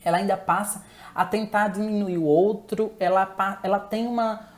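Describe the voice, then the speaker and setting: A woman's voice: mid-range voice, steady tone, moderate pace. A woman giving a chatty live-streamed talk on relationships, asking viewers to answer and often correcting herself mid-sentence.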